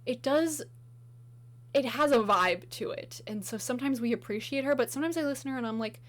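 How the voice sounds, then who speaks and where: A woman chatting casually as she ranks songs, gushing and enthusiastic, with lots of filler words and a slightly hoarse voice. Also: fairly high pitch, a little fast. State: slightly hoarse, losing her voice. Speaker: video host. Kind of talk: casual music ranking chat.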